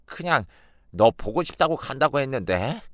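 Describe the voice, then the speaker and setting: A man voicing a gruff, defensive elderly grandmother who scolds sharply, in a radio drama. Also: medium pitch, very animated, moderate pace, dry recording, studio quality, voice pushed up, close to an everyday voice. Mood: defensive scolding.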